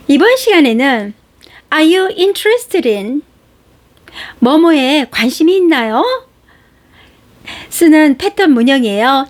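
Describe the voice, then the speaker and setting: A Korean woman teaches English phrase patterns in an unhurried, encouraging way. Her voice sits high and swings widely up and down. She slows right down to spell out each phrase for listeners to repeat. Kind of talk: slow English pattern lesson with drills.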